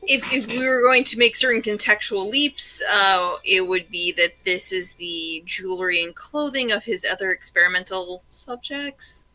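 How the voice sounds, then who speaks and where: Woman player, bright tone, thoughtful casual questions. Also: medium pitch, normal speed, hardly any pauses, rough recording. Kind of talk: casual tabletop game chat.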